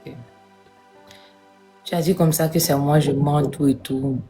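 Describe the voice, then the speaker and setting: A woman's voice: sits low, steady tone, unhurried, over music. A woman with a West African French accent in a comic couple-argument sketch, firm and scolding.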